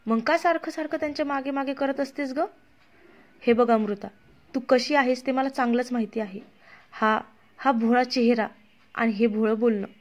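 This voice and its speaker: A woman voicing a jealous young woman who accuses and threatens her rival in a sharp, scornful way. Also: high-pitched, steady tone, quick pace, hardly any pauses, pitched above the performer's own voice, natural voice. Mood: angry.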